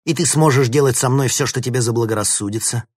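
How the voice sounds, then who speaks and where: A man's voice: mid-range voice, quick pace, slightly rough, no room sound, clean studio sound, pitched above the performer's own voice, close to an everyday voice. A male narrator voicing an earnest teenage boy hero who pleads in a firm, urgent way. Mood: pleading.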